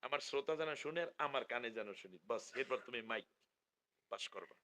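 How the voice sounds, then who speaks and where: A middle-aged man with a Bangladeshi Bengali accent, preaching loudly through a stage microphone at a public gathering, joking with the crowd and drawing out his call phrases. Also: medium pitch, animated. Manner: loud, joking, drawn-out chanting of call phrases. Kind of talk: live sermon with crowd call-and-response. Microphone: stage microphone through loudspeakers.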